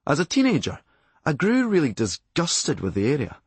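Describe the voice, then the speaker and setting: Reading his own memoir as the audiobook narrator, a Glaswegian man speaks at normal speed in a husky voice. The delivery stays deadpan and drily funny while his pitch rises and falls with lively movement, and the sound is dry with no room reverberation.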